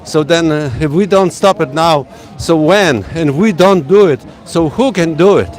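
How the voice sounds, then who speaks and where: A middle-aged man from Poland with a Polish accent, speaking haltingly as an interviewee outdoors at a protest. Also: fairly high pitch, darkish tone. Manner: halting, searching for words.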